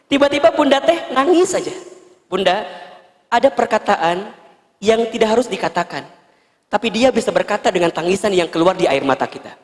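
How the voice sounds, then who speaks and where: A Sundanese man preaching, his high voice leaping up and down in lively storytelling with playful asides. The sound trails off in a long hall reverb. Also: a little fast. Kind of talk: sermon.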